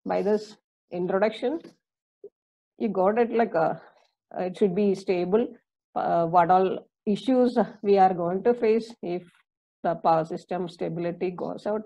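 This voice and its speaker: A woman lecturer with an Indian English accent giving a recorded engineering lesson, explaining slowly, with many fillers and repeats. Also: medium pitch, dark tone, muffled recording.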